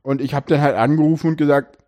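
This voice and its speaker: A man's voice: a little high, fairly even intonation, quick pace, dark tone. A man hosting a casual group podcast chat, telling stories with many restarts and fillers. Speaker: podcast host.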